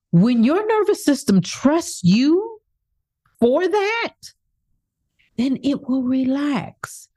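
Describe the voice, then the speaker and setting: A woman's voice: sits high, a little mellow. A woman giving a motivational talk as a self-help speaker, speaking emphatically and asking the listener rhetorical questions. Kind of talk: motivational monologue.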